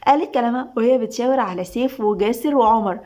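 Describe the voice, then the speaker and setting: A woman's voice: a little high, fast talker, mellow. A woman with an Egyptian Arabic accent, reading a romance story aloud as its narrator.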